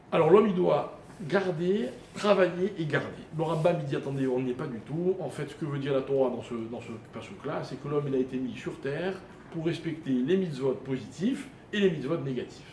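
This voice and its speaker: A male rabbi with a slightly high, somewhat mellow voice delivers a live Torah lesson at a moderate pace to a small audience. He questions listeners while explaining Hebrew grammar step by step, recorded in an echoey room with faint noise.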